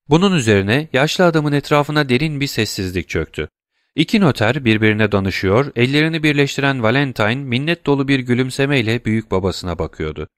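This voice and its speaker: A man reading a classic novel aloud in a measured, even narration. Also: medium pitch, no room sound, studio quality. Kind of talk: scripted narration.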